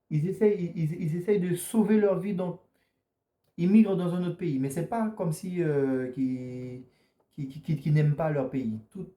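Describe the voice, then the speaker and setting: A man answers interview questions earnestly, often stumbling and repeating himself mid-sentence. His voice is dark and mellow, and the recording has a roomy echo around it. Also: a little high. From French Guiana. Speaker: interview guest.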